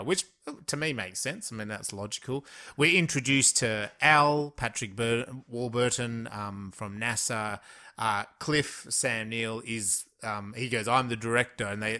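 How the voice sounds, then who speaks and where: A man's voice: on the low side, sharp tone. A man with an Australian accent co-hosting a casual film discussion, chatty, laughing often and trailing off mid-sentence. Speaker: podcast co-host.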